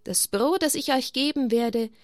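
A woman voicing Jesus as a calm, solemn male teacher in a children's Bible story, speaking in a measured way. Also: fairly high pitch, dry recording, studio quality.

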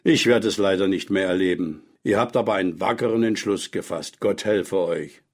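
Guy putting on a raspy old grandpa voice, coughy, slow and soft, storybook. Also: deep voice. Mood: gentle, earnest. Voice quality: hoarse, interrupted by coughing. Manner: slow, gentle, preaching to children. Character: frail coughing old man on a stove.

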